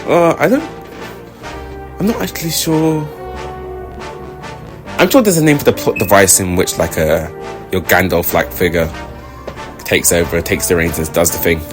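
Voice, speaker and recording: A British man vlogging about his writing in a casual, animated and jokey way, with sudden loud exclamations. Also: fairly low pitch. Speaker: writer vlogger. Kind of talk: casual chat.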